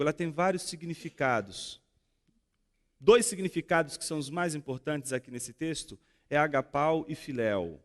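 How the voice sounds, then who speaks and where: A man with a Brazilian Portuguese accent preaching a sermon in a church, swinging dramatically between loud emphasis and hushed tones. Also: a little high. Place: church sanctuary. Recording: echoey church hall.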